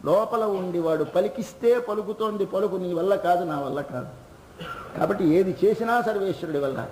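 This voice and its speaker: A man's voice: high-pitched, roomy sound, slight background noise, rough recording. A man with a Telugu accent giving a devotional sermon, asking questions and answering them himself. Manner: asks and answers his own questions; chants verses in a slow singsong. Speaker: religious discourse speaker.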